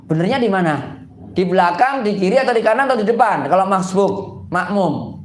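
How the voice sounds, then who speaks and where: A man's voice: high-pitched, expressive, brisk, echoey room. A man giving a casual, folksy religious talk as a preacher, joking often and asking his audience questions. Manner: folksy, joking, repeats "gitu kan". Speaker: Islamic preacher.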